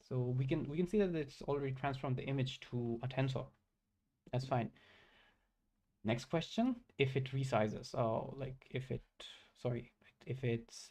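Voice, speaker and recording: A man talks through his code on a live stream. His voice sits at a middling pitch. He halts often, restarts phrases and fills gaps with ums as he works things out. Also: mellow. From Bangladesh. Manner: halting, self-correcting, many fillers. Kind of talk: live coding stream, thinking aloud.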